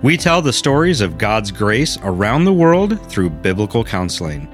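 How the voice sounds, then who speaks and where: A man's voice: fairly low pitch, big pitch swings, moderate pace. A man reading a scripted podcast introduction as the announcer. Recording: faint music behind. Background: faint music.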